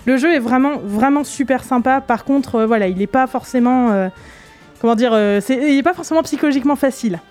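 A French woman co-hosting a radio show, presenting a board game in relaxed chat, hesitant with many fillers. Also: high voice, brisk. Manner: chatty, hesitant with many fillers, laughs easily. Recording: radio studio with faint music behind.

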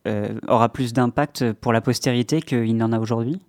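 A man hosting a radio talk show, introducing guests in a measured way with some fillers. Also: medium pitch, fairly even intonation, darkish tone, no room sound, studio quality. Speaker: radio host. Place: radio studio.

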